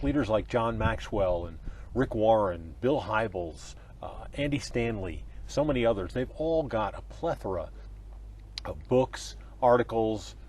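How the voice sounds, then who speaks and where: A middle-aged man delivers a scripted leadership lesson in the open air, sounding like a pastor who preaches for a living. His voice carries a light husky grain, and his pitch moves in a lively, animated way. The delivery stays earnest and expressive throughout. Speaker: pastor teaching a leadership course. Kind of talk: scripted teaching session. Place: outdoors at little league ball fields.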